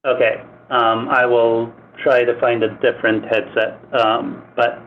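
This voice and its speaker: A man in a casual online work meeting, his voice hollow and cave-like from a speakerphone, talking haltingly with many fillers. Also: mid-range voice, little pitch movement. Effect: hollow cave-like echo from a speakerphone. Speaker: meeting participant. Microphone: phone speakerphone instead of headset. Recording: tinny phone-line speakerphone with faint noise.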